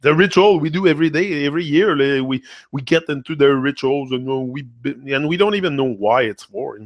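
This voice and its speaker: Brisk and fairly high-pitched, a native French speaker with a Québécois accent reads comments and chats during a casual livestream. He keeps switching between English and French mid-thought and adds "là" to phrases; the audio is dull, with no echo.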